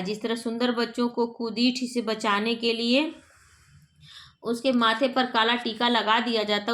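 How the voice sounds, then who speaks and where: A woman reading aloud as a jovial, teasing young uncle in a play, with a fairly high voice. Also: fairly bright tone, natural voice. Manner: playful, teasing.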